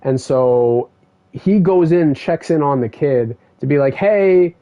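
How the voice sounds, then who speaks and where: A man's voice: mid-range voice, unhurried. A man streaming a game, chatting casually and rambling through a story with lots of fillers. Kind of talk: casual chat while gaming. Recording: dull lo-fi stream mic.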